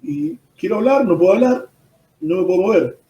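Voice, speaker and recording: An Argentine man, a pastor, recounts his personal testimony in a storytelling way, tagging "¿viste?" onto his sentences. His voice sits on the higher side but has a mellow, dark tone. He is heard from some distance off the mic in an echoey room. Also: animated, a little fast, highs cut off. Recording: roomy echo, distant from the mic.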